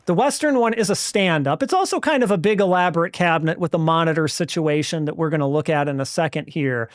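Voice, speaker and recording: A man's voice: high-pitched, no room sound, studio quality. A man hosting a live stream, chatting casually about retro arcade games, often restarting and correcting his sentences. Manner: rambling, restarts sentences, self-correcting, friendly. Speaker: streamer and host.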